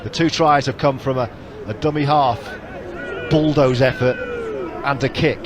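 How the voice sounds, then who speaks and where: A man giving live play-by-play commentary on a rugby league match, rising to shouts at big hits. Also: medium pitch, fairly even intonation, moderate pace. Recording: crowd noise behind.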